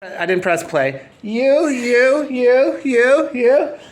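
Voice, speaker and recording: Slow-talking man hosting a podcast in an echoey room. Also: extremely high pitch. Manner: excited and halting, many fillers and restarts. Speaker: podcast host. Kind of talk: casual conversational podcast.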